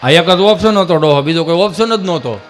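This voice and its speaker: A man telling family stories as a folk comedian in a live show, acting out scenes with lively storytelling. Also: fairly high pitch, a little fast, big-room sound, faint music behind.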